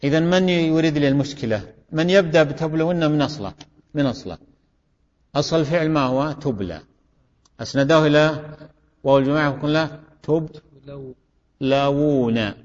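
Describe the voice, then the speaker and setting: A man's voice: a little high, fast talker, long pauses. A male teacher gives a grammar lesson in a classroom, asking questions and repeating his students' answers. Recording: dull recording in a reverberant hall.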